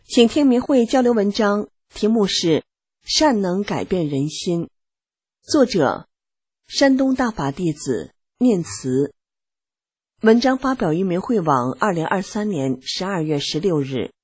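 A woman reads a first-person testimony aloud for radio in a steady, earnest manner. Her voice is low and husky with lively rises and falls. The studio sound is dry and close. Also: no room sound. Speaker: radio reader.

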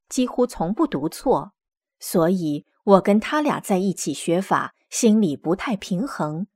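A woman reading a first-person testimonial article aloud in a measured, expressive way. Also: medium pitch, no echo, studio quality.

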